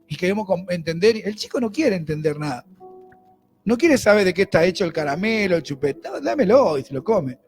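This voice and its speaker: Man, Rioplatense accent, pastor's sermon, high voice, faint music behind. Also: very animated, fairly quick, a little mellow. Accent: Rioplatense Spanish. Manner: conversational preaching, asks the congregation questions.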